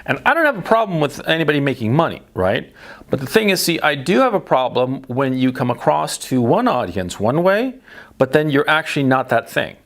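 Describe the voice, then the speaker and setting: A man who grew up between Chile and the United States delivers a blunt opinion monologue in a gravelly, mid-pitched voice. He stresses points by repeating them and keeps checking in with "right?", stumbling over his own restarts. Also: very animated, brisk. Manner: speech full of restarts and tag questions. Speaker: political commentator.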